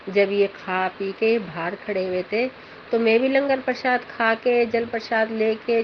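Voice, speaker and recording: A middle-aged woman earnestly telling a rambling, emotional devotional testimony about her husband. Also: medium pitch. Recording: dull lo-fi audio with faint background noise.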